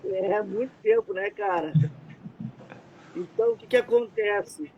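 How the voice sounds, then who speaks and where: The audio is muffled and lo-fi with a faint rumble, captured by a computer mic after he took his headset off. A Brazilian man with a Brazilian Portuguese accent runs a casual live stream from a dim room, speaking at a measured pace with fairly even intonation and rambling through many fillers.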